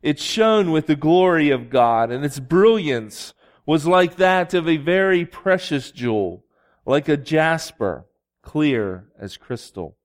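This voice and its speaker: A man preaching as a pastor, reading scripture and speaking to a congregation in a deliberate, pausing way. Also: fairly high pitch, animated. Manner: slow, deliberate, with long pauses.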